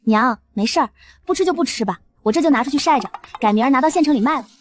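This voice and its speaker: An actress playing a breezy, guileless young village daughter in a comic costume drama, chirpy and innocent. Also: female voice, high-pitched, animated, quick pace, slight background noise. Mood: cheerful, innocent. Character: breezy, guileless village girl, doting yet troublesome daughter.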